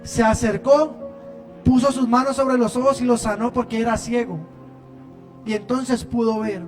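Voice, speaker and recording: A man preaching a sermon, impassioned, moving between loud emphasis and hushed lines. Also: very high-pitched, steady tone, moderate pace, soft background music. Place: church service.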